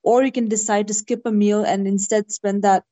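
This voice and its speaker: A woman's voice: medium pitch, fairly even intonation, normal speed, warm tone. Woman from India on a muffled call. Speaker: guest. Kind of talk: casual podcast chat.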